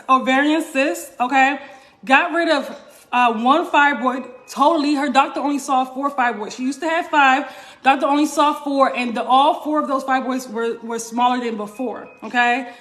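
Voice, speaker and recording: A woman wellness coach speaks to her online viewers in a high voice. She presses her points with repetition and keeps checking in with "right?" and "okay?". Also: fairly bright tone. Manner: emphatic, repeats points, asks "right?" and "okay?". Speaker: wellness coach hosting a live stream. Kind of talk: casual live-stream talk to viewers.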